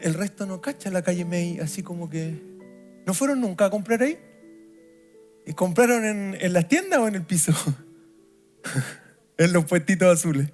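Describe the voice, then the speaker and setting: A Chilean pastor with a strikingly high voice delivers a sermon in church. He draws his phrases out in a sing-song preaching cadence and turns casually to the congregation now and then, with faint music under him. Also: expressive, measured pace, pauses often. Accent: Chilean Spanish.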